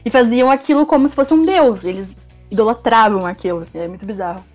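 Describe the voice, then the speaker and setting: A woman's voice: a little high, fairly quick, dull audio, soft background music. A woman, chatting casually with friends in an enthusiastic, jokey way. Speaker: podcast co-host. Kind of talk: casual chat among friends.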